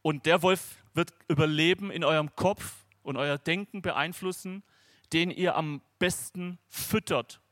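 High-voiced lively male preacher. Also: unhurried, no echo, studio quality. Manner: lively, acts out inner voices and dialogue. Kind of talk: sermon at a camp.

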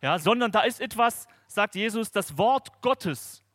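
A middle-aged man preaching a sermon at a camp, lively, acting out inner voices and dialogue. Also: sits high, a little slow, dry recording, clean studio sound.

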